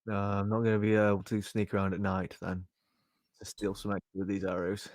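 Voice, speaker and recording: A man's voice: fairly low pitch, completely flat delivery, a little fast, a little mellow, no echo. A man playing a tabletop game, talking casually with a playful, sarcastic edge. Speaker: player.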